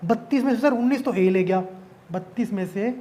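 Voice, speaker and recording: A man with a high-pitched voice teaches an exam-prep math lesson. He talks in a relaxed, conversational way, constantly asking rhetorical questions and answering them himself. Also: brisk. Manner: casual, conversational explaining.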